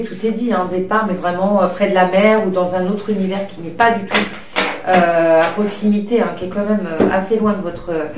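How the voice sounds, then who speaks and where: A woman with a mid-range voice reads tarot cards in casual, rambling chat, hesitating often and using many fillers. She's stuffy from a cold, coughs now and then, and talks affectionately to her cat and child. The room echoes, the mic sits at a distance, and there's light noise.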